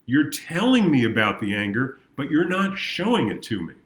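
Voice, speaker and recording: Male coach, earnest, middle-pitched voice, roomy echo. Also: sing-song, normal speed, fairly bright tone. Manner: earnest, acts out clients' voices. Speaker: progress coach. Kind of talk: motivational talk to camera. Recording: echoey room.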